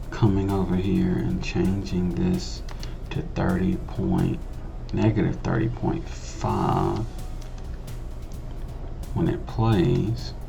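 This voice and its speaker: A man hosting a video editing tutorial channel narrates in a low, gravelly voice. His voice-over is casual and conversational, explaining things and repeating phrases for emphasis.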